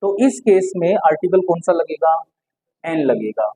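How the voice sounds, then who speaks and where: A teacher giving a lesson, who keeps asking a question and answering it at once and repeats key words slowly. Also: mid-range voice, lively intonation, dark tone, husky, rough recording. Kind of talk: explanatory lesson.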